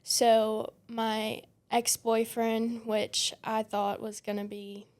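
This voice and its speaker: A young woman in her twenties talks as a podcast guest, bubbly and giggly, filling her sentences with "um" and "like." Her voice sits a little high for a woman. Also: flat delivery, slow, a little mellow. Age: 20s. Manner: bubbly, giggly, lots of fillers. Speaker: guest, spray tan business owner. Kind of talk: casual interview chat.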